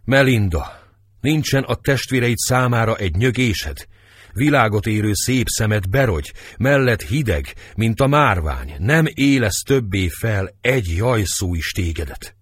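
Male reader doing a sorrowful young brother, deep voice, dry sound. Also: expressive, husky, no echo.

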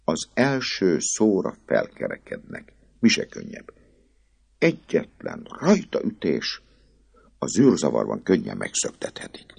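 A man voicing a nervous, boastful male poet who talks in a rapid, fussy patter. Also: extremely low pitch, wildly swooping pitch, vocal fry, a little mellow, husky, no room sound, pitched above the performer's own voice, heavily acted. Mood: chattering, scheming.

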